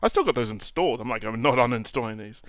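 A man's voice: mid-range voice, quick pace, no room sound. A man hosting a casual gaming chat, acting out quotes and swearing freely. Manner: animated, swearing, acts out quotes.

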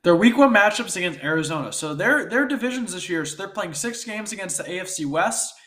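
This man hosts a casual sports talk show with a stuffy, congested nose, chatting away and often checking that listeners agree. His voice is high and fairly bright, animated and a little fast.

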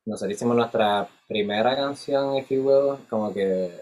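A man with a husky voice tells stories casually in Spanglish, switching between Spanish and English and acting out dialogue. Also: mid-range voice, moderate pace. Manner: animated filler-heavy storytelling with re-enacted dialogue. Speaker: musician in a band.

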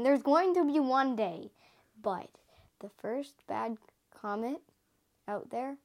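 A ten-year-old girl co-hosting a casual podcast, chatty and giggly, often apologizing for interrupting. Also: fairly high pitch. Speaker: podcast co-host.

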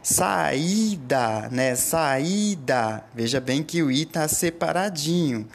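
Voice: mid-range voice, moderate pace, slightly rough. Patient Brazilian teacher explaining grammar. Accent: Brazilian Portuguese. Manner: patient, explanatory, checks in often with the listener. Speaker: Portuguese language teacher. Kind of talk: recorded grammar lesson.

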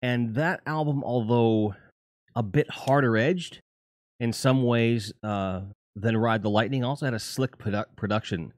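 A middle-aged man hosts a livestream, chatting casually with viewers in a rambling, profane way. His pitch sits in the middle range. The sound is dry and close, with no room echo. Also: unhurried. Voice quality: profane, rambling, self-correcting. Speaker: livestream host. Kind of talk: casual chat.

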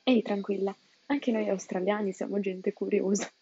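A woman reading the lines of a friendly, smooth-talking young male college student. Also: high-pitched, flat delivery, moderate pace, mellow, highs cut off, a little hiss or hum.

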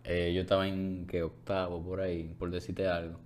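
A young man with a low voice and a clear Dominican accent. He chats casually, as among friends on a podcast, in street slang with bits of English dropped in. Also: flat delivery, moderate pace, a little mellow. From Dominican Republic. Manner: slangy, with English words mixed in. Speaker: podcast co-host.

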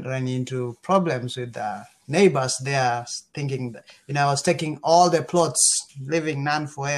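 A middle-aged man with a Kenyan accent speaks casually as a guest in an interview, often pausing mid-sentence. His voice sits in the mid-range.

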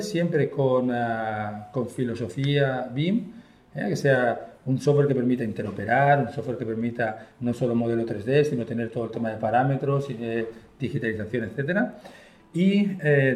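In an office, a man with a Spain Spanish accent is interviewed as a guest and partner at a software company, talking fluently and enthusiastically with lots of fillers. His mid-range voice is a little mellow, and the room gives the recording a noticeable echo.

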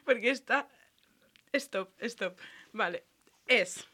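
Bright, animated young woman chatting. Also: on the high side, drawn-out words, slightly rough. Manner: animated, acts out teachers' phrases, slangy. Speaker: podcast co-host. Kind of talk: casual chat.

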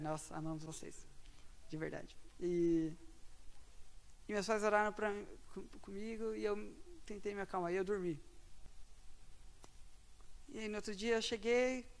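A man telling a personal story to an audience, animated and swinging between loud bursts and quiet asides. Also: sits high. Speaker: speaker at a talk.

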